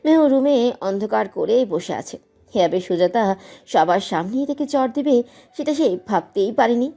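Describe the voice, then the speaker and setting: A woman narrating a dramatic audio love story with emotive delivery. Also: on the high side. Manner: emotive, expressive.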